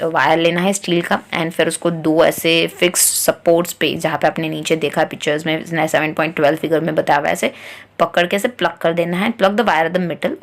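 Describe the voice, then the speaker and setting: Woman tutor, lowish voice w some fry, reads english slow then explains in hindi. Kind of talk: textbook explanation lesson.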